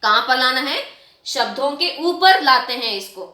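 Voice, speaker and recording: Woman, teacher, high voice, stretches words out to demonstrate, echoey room. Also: animated, bright, forceful tone. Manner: repetitive, drawn-out word demonstrations, addresses children often. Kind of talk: classroom lesson explaining writing to children.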